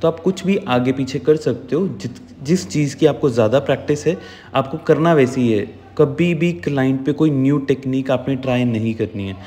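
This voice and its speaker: A man narrates a makeup tutorial in a relaxed, instructive, chatty way. His voice is mellow and warm at a mid pitch. The recording carries a long, hall-like reverb. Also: normal speed. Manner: chatty, instructive, mixes English words in. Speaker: makeup artist.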